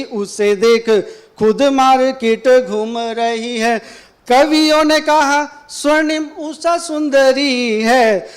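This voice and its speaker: A man with a strikingly high voice recites comic verse on a college stage. He lingers over each line and repeats phrases for effect, at a deliberate, unhurried pace. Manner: declaims verses slowly, repeating lines for effect. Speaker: poetry contestant. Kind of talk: humorous poetry recitation. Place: college auditorium.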